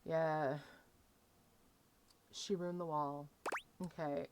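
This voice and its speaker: A woman doing casual let's-play commentary, reading choices aloud and thinking out loud. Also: deep voice, little pitch movement, very slow, noisy background. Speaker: gaming streamer playing a dating game.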